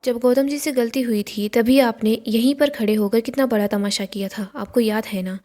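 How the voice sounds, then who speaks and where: A woman's voice: a little high, normal speed, close to an everyday voice. Proud older matriarch dressing people down, voiced by a woman narrator. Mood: taunting. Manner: reproachful, sharp-tongued, read out plainly.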